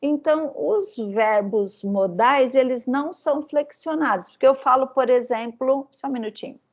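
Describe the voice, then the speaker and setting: Brazilian woman teacher, fairly high voice, unhurried and patient, muffled lo-fi audio. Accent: Brazilian Portuguese. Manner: slow, patient, checks in with "tá?" and "ok?". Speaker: English teacher. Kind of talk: online class explanation. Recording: muffled lo-fi class recording.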